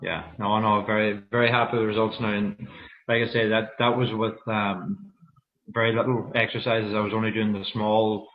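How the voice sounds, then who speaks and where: A man with a Donegal Irish accent, speaking candidly and haltingly as a guest in a casual interview. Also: lowish voice, flat delivery. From Donegal, Ireland. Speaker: interview guest, fitness programme client. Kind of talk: casual personal interview on a livestream. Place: online video meeting. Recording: muffled, lo-fi video call audio.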